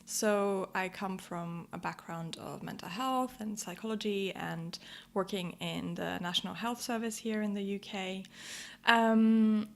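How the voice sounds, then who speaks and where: A woman from Greece, a podcast guest who speaks thoughtfully with many pauses and ums. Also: medium pitch, fairly even intonation, gravelly. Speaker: guest, life coach and yoga teacher. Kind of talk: podcast interview.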